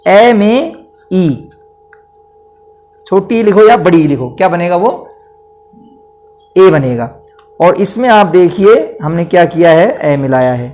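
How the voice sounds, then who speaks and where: A man's voice: sits high, expressive, takes it slowly, pauses often, darkish tone, faint music behind. A man teaching a grammar lesson for exam preparation, patiently explaining step by step and asking the listener questions as he goes.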